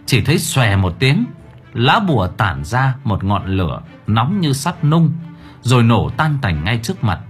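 A man narrating a fantasy audiobook in a dramatic, expressive way. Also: mid-range voice, unhurried, soft background music. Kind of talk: storytelling narration.

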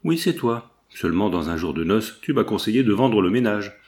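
A man's voice: lively intonation, normal speed, darkish tone, natural voice. A man reading a jealous, bitter husband. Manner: pleading then brooding, low grumbling. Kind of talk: audiobook dialogue reading.

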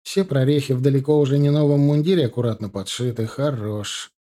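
A man narrating an audiobook in a calm, even storytelling manner. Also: mid-range voice, fast.

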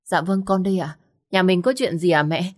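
A woman's voice: on the low side, steady tone, normal speed, close to an everyday voice. Storybook lead: a polite young woman in distress, urgent and respectful, read by a woman. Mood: anxious. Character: worried, polite young waitress heroine.

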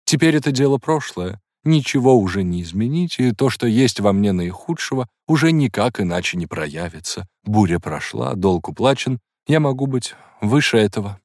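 A man's voice: fairly low pitch, expressive, normal speed, hardly any pauses, a little mellow, no echo, studio quality, pitched above the performer's own voice. A man reading an audiobook, voicing a proud, tormented woman in an emotional, intense manner. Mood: anguished.

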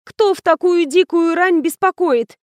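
A woman's voice: very high-pitched, unhurried, dry recording, clean studio sound, pitched above the performer's own voice. Woman putting on a whiny fake-sick young woman. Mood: pleading whine.

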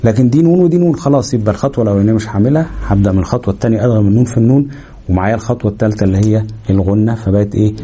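A husky Egyptian man talks quickly through a recitation lesson. His voice is very dark and mellow. Every so often he slows right down to stretch a nasal hum and show how it should sound. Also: lowish voice. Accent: Egyptian Arabic. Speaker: Quran recitation teacher. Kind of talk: explanatory lesson.

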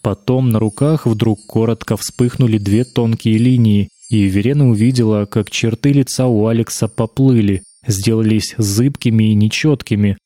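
A man narrating a fantasy audiobook in a steady, even storytelling manner. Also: on the low side, moderate pace, few pauses, no echo. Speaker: audiobook reader. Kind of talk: scripted narration.

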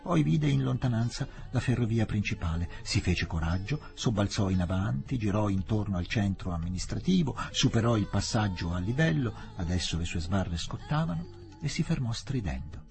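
A man narrating a novel aloud in a measured, expressive storytelling manner. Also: on the low side, gravelly, soft background music. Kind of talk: literary reading for radio.

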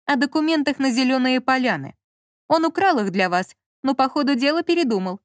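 A woman's voice: high-pitched, animated, a little fast, no echo, clean studio sound, voice pushed up. A woman voicing a brash young male schemer, cocky and offhand on the phone.

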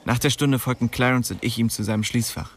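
In a radio drama, an actor voices a young streetwise man narrating his small-town youth in the first person, colloquial and wry. His mid-range voice keeps a steady tone at a quick pace, lightly acted, with a little hiss or hum on the recording.

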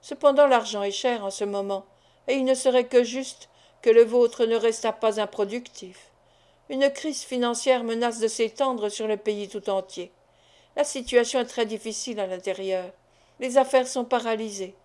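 A woman's voice: fairly high pitch, normal speed, mellow, lightly acted. A woman reading the lines of a wary, formal male banker in an audiobook.

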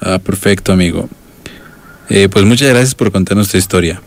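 Low-voiced Mexican radio host. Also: male voice, moderate pace. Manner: brief encouraging backchannels to a caller. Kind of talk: call-in radio hosting.

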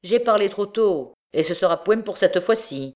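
A woman's voice: mid-range voice, animated, moderate pace, a little mellow, voice pushed up, natural voice. A woman reading an audiobook, voicing a sly, mocking old male beggar turned bandit.

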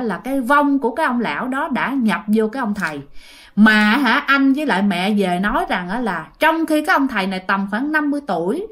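A woman's voice: a little high, fairly bright tone. A woman with a Southern Vietnamese accent telling a ghost story in a chatty, repetitive way, talking straight to her listeners. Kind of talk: casual ghost story narration.

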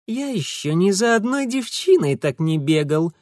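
A man's voice: high voice, big pitch swings, normal speed, darkish tone, no echo, pitched above the performer's own voice. A man voicing a cruel, mocking male street thug who talks in folksy slang, in a dry-sounding audiobook reading. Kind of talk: audiobook character voice.

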